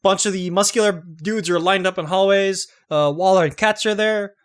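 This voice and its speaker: A man co-hosting a movie podcast, recapping the plot in casual, animated chat with frequent laughs. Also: high voice, normal speed, clean tone. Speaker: podcast co-host.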